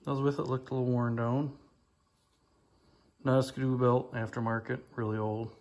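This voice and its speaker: With a darkish, medium-pitched voice kept level at a moderate pace, this man rambles through a casual walkaround of an old snowmobile in his garage workshop. He's a plain-spoken hobbyist restoring it, filming on a handheld phone and saying "like I say" again and again.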